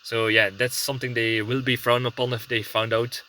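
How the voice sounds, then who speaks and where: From inside his parked car, a Belgian-accented prepper blogger speaks at a normal speed in a level, medium-pitched voice with a sharp tone. He rambles in a casual vlog style, hesitating and groping for words, with slight background noise.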